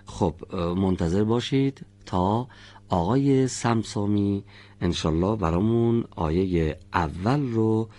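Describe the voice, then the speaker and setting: A man teaching Quran recitation, patiently correcting his students' pronunciation and demonstrating each sound slowly. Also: sits low, darkish tone. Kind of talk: patient classroom instruction.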